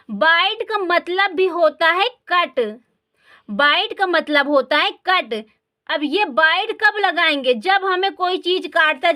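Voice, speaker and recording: A woman's voice: very high-pitched, pushed and bright. A woman with an Indian accent teaching spoken English, a native Hindi speaker who repeats words and keeps asking the listener questions. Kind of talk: classroom-style language lesson.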